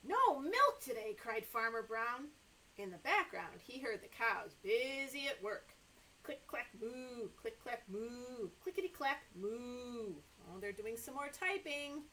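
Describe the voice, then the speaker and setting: A middle-aged woman reads aloud and talks to young children during toddler story time, using an exaggerated sing-song delivery in a small room with a sofa and toys. Her fairly high, sharp-toned voice is very animated, and she takes it slowly. The recording is rough, with slight background noise.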